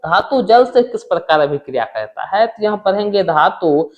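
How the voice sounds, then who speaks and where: A man's voice: high voice, lively intonation, normal speed, highs cut off. A male teacher giving an exam-prep chemistry lesson, asking questions and answering them himself.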